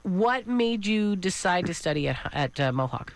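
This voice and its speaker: A woman hosting a radio interview show, asking questions in a lively, conversational way into a studio microphone. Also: lowish voice, moderate pace, dry recording.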